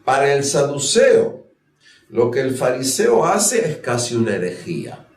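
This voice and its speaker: Un hombre que da una charla de historia a un grupo y dramatiza diálogos al contar. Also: male voice, mid-range voice, a little slow. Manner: animated storytelling, acting out dialogues. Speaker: history lecturer. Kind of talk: lecture to a group. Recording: roomy echo.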